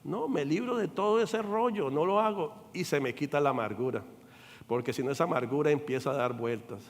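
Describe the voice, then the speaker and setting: An older man, a pastor, preaching a sermon with animated delivery, acting out quoted voices and checking in with the congregation. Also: fairly high pitch, brisk, in a large hall. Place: church sanctuary.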